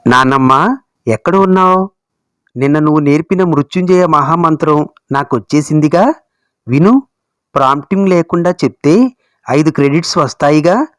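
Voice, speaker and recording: A man's voice: on the high side, normal speed, pauses often, a bit bright, dry recording, lightly acted. A man voicing a young schoolboy grandson who talks in a sobbing, pleading way. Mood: eager. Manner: sobbing, pleading child talk.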